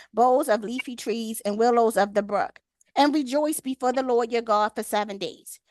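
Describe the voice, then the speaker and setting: A woman's voice: on the high side, no echo. A woman leading an online Bible study on a video call. She reads scripture aloud, then talks with the group and calls on them by name.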